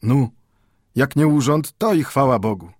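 A man's voice: mid-range voice, animated, a little mellow, no room sound, clean studio sound, voice pushed up. A man voicing an old grandfather, a stern but tender bookbinder, who speaks emphatically with a Yiddish-inflected Polish accent and repeats his points insistently. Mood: wry. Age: over 60. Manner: emphatic, repetitive scolding with drawn-out exclamations.

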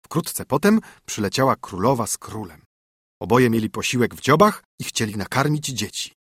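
A man reads a classic fairy tale as an audiobook narrator. His husky voice moves up and down lively, recorded close and dry. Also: mid-range voice, normal speed, no room sound.

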